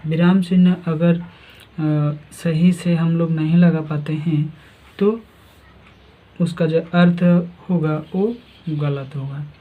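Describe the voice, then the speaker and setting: A teacher giving a grammar lesson, asking questions and then answering them. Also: mid-range voice. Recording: tinny phone-like sound.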